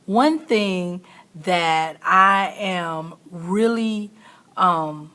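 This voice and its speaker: A woman's voice: medium pitch, fairly bright tone. A middle-aged or older woman hosting an online motivational talk like a teacher, speaking emphatically and repeating key phrases for stress. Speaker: teacher and online show host.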